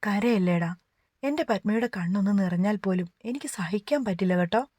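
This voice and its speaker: A woman's voice: medium pitch, lively intonation, moderate pace, mellow, no echo, clean studio sound, natural voice. A woman voicing an affectionate young husband who speaks in a coaxing, sing-song way in a romance audiobook. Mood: tender.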